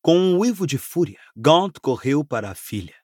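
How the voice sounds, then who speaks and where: A man reads a novel aloud with a lively, rising and falling delivery and a fairly high voice. His narration is dramatic and scripted, recorded close and dry. He leans into each scene as he tells it. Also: normal speed, no echo. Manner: expressive, dramatic storytelling. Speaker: audiobook narrator.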